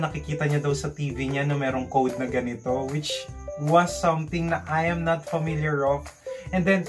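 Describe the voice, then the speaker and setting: A young man with a Filipino accent speaks in a slightly high register. He tells his story casually and with animation, like a vlogger talking to followers. Music plays clearly behind his voice. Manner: animated, acting out quoted dialogue, giggly. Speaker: vlogger recounting call center training. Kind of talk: casual storytelling vlog, mixing Tagalog and English.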